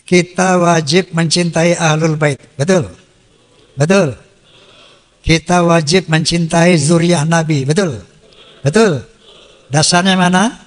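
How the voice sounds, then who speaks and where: A man delivers a sermon in a high voice. He quotes scripture, translates it, and keeps putting rhetorical questions to his listeners. The sound carries a long hall reverb. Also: slow pace, long pauses. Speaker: preacher.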